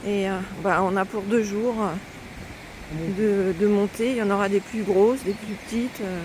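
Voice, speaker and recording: A woman's voice: mid-range voice, steady tone, a little slow. A woman chatting casually as she walks a mountain trail, narrating her pilgrimage for a vlog. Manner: chatty, narrating while hiking uphill. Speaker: pilgrim vlogger. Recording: outdoor wind and ambient noise.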